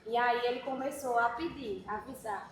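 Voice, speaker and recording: A woman's voice: on the high side, moderate pace. A mother telling a chatty personal story about her child at a parents' talk. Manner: chatty, anecdotal. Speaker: parent sharing experience. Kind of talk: casual storytelling. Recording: roomy mic with clear background noise.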